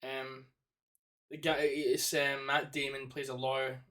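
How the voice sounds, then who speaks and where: A man's voice: mid-range voice, flat delivery, a little slow, pushed and bright. A young man hosting a podcast in casual chat, swearing freely and breaking into goofy voices. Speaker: podcast host.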